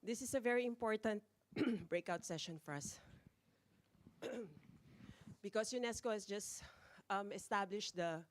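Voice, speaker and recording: A woman who is out of breath opens a conference session with warm, informal welcoming remarks, pausing with fillers. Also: medium pitch, slight background noise. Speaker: conference organizer opening a session. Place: conference breakout room.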